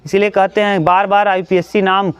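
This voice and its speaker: A man teaching an English grammar class to students, talking straight to them and repeating each example slowly. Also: sits high, flat delivery, smooth, no room sound, muffled recording.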